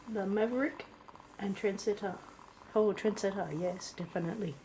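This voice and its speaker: Casting: woman as blunt lady palm reader, Singaporean or Malaysian accent, soft-spoken comedy role-play, very unhurried, clear background noise. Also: medium pitch, lightly acted, poor audio. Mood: musing, matter-of-fact. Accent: Singaporean or Malaysian English. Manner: clipped grammar, musing hums, deadpan teasing.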